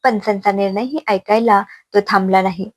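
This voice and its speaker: A woman narrating a dramatic family story in an expressive reading. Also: medium pitch, normal speed, no echo.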